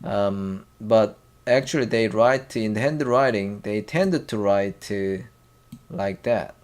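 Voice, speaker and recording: A man teaching a language lesson, halting with many fillers and restarts, and sounding out syllables one by one. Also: fairly low pitch, darkish tone.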